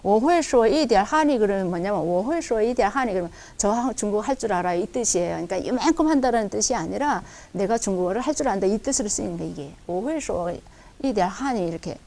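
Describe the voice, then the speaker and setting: Woman teaching, slow drawn-out drills. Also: mid-range voice, expressive, vocal fry, a little mellow. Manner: repeats drill sounds slowly and drawn out, then explains quickly. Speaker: Chinese language teacher. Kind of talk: online lesson, explaining and modeling pronunciation. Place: recorded for an online class video.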